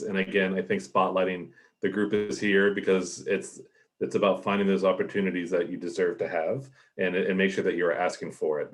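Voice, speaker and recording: A man moderates a panel discussion in a very deep voice. His delivery stays flat and even as he thanks a speaker and asks the next question in a measured, encouraging way.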